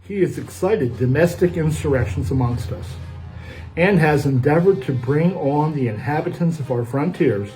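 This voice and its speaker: A man's voice: on the high side, warm tone, low-quality recording. A man formally reciting a historical document as a horror host.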